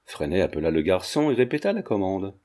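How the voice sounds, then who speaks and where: A man reading a classic novel aloud as a measured, steady narrator. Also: deep voice. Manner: measured, storytelling. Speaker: audiobook reader. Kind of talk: scripted narration.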